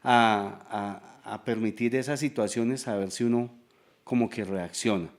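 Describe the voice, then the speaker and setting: Low-voiced man sharing testimony. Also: measured pace. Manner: reflective, confessional, with hesitant restarts. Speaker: testimony guest. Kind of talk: casual spoken testimony.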